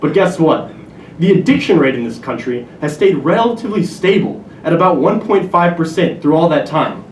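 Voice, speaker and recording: A young man in his twenties argues his case in a persuasive competition speech, earnest with flashes of dry humor. His voice sits slightly high and moves with lively pitch. He is heard from a distance in a roomy lecture hall over a faint rumble. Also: moderate pace. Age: 20s. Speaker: student contest speaker.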